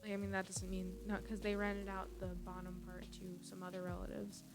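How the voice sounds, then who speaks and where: A woman's voice: mid-range voice, completely flat delivery, a little fast. A young woman chatting casually on a livestream from her room, giggling and trailing off into tangents with lots of fillers. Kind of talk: casual rambling storytelling. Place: at home, own room. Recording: livestream with background music. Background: music playing.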